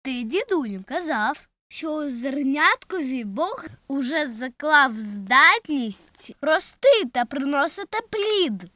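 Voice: high-pitched, lively intonation, takes it slowly, few pauses, pushed and bright, dry recording, voice pushed up, exaggerated voice. A storyteller voicing a curious seven-year-old boy in a children's storybook reading. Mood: wondering.

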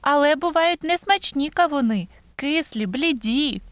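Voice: sits high, lively intonation, measured pace, a bit bright, dry recording, voice pushed up. A storyteller voicing a thoughtful young girl in a children's storybook reading. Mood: earnest.

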